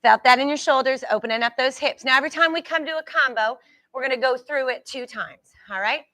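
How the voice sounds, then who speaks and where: A woman's voice: sits high, fairly quick, bright, forceful tone, no echo. A woman leading a group exercise class as instructor, encouraging and reassuring, giving short repeated cues and countdowns. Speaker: fitness instructor.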